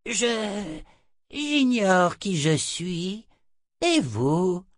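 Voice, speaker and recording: A man voicing a frail, bewildered elderly blind woman in a thin, breathy voice, speaking slowly and hesitantly. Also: sits high, very animated, no echo, studio quality, voice pushed up, heavily acted. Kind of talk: audiobook character voice.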